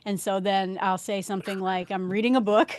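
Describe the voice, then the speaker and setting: A woman's voice: mid-range voice, steady tone, brisk. A woman panelist talking casually on a tech podcast, telling anecdotes by acting out short exchanges.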